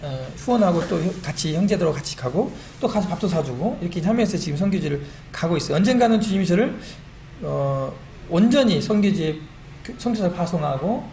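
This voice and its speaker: A middle-aged man giving a church testimony, animated and self-deprecating, recorded in a church meeting hall. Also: high-pitched. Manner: animated and self-deprecating, quotes his own prayers. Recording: echoey hall with faint room noise.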